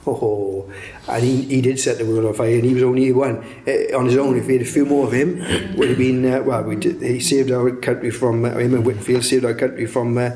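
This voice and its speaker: A man leads a church Bible study in a relaxed preaching voice, slipping into joking asides. His voice rings around a roomy church space. A faint hiss sits under it. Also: medium pitch, brisk. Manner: chatty, self-mocking asides. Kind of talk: sermon. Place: church hall. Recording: echoey church room.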